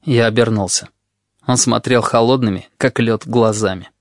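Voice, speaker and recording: A man narrating a novel in the first person, reading in a measured, quiet way. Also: medium pitch, fairly even intonation, no echo, studio quality. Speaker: audiobook narrator.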